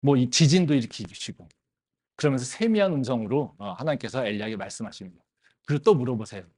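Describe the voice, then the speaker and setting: A male pastor preaching to a campus congregation, and his voice rises and falls in wide, lively swings. He keeps tossing rhetorical questions to the listeners and fills the gaps with short affirming interjections. He sits at a middle pitch for a man. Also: fast, breathy edge. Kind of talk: sermon. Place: campus church service.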